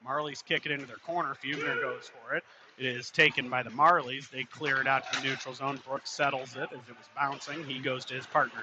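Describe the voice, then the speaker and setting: A man doing running play-by-play commentary for a youth hockey game, steady in tone and rising sharply on shots. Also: mid-range voice. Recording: noisy arena ambience.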